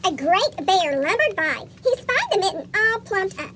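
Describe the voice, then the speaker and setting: Squeaky cartoon chipmunk reading a storybook to kids, super high and bouncy pitch, really noisy audio. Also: big pitch swings, moderate pace. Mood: chirpy storytelling. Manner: asks young listeners questions. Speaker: story reader for children. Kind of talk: read-aloud picture book storytelling.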